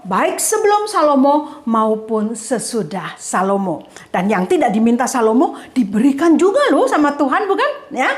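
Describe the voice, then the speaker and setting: A woman Sunday school teacher telling a Bible story to children in a lively, playful way, often addressing them directly. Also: high-pitched. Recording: echoey room.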